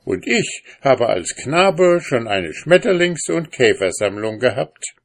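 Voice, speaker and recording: A man's voice: mid-range voice, very animated, a little slow, pitched above the performer's own voice. A man reading aloud, voicing a stubborn, pompous, short-sighted husband who insists and grows heated. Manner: insistent, boastful, growing heated.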